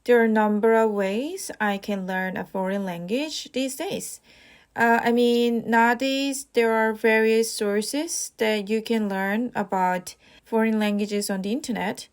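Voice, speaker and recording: Speaking slowly and deliberately, this young South Korean woman, whose first language is Korean, has a clean, somewhat high voice. She reads out each IELTS practice question before delivering a model answer sprinkled with rehearsed, casual fillers.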